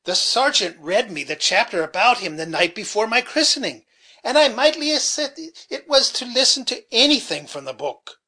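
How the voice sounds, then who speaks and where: A man's voice: very high-pitched, very animated, moderate pace, bright, forceful tone, heavily acted, poor audio. A man voicing a pious, scolding landlady with a rustic dialect, in an audiobook reading. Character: middle-aged female innkeeper, pious, scolding.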